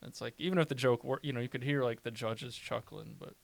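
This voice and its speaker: A man's voice: mid-range voice, fast talker, gravelly, no echo. A man, a stand-up comedian, chatting casually on a podcast, telling rambling stories and swearing often. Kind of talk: casual chat.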